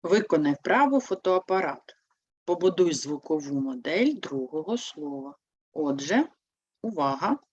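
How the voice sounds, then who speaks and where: Lively teacher, slow and clear. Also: female voice, sits low, no room sound. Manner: slow, clear dictation-like explanation, answering her own prompts. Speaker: primary school teacher. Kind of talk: online lesson for young pupils. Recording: dry, slightly dull sound.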